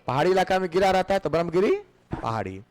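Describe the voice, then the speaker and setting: Lively, high-voiced teacher. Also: male voice, quick pace. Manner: asks questions and answers them himself. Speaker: exam-prep teacher. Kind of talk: classroom lecture with memory tricks. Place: classroom.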